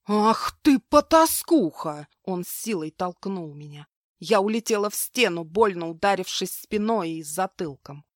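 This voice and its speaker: A woman's voice: fairly low pitch, moderate pace, dry recording. A woman narrating a first-person audiobook in a tense, dramatic reading, recorded close to the microphone.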